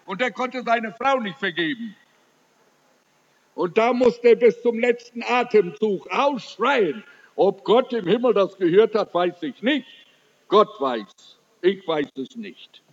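Male preacher, very high voice, drawn-out delivery, stern and emphatic; muffled recording with long hall echo. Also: fairly bright tone. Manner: slow, emphatic preaching with sudden rises and drops in pitch; addresses listeners directly, scolding. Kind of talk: sermon.

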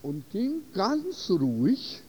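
A man telling a story in a sermon, halting and searching for words in German. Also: sits high, wildly swooping pitch, a little mellow, slightly rough, in a large hall, muffled recording.

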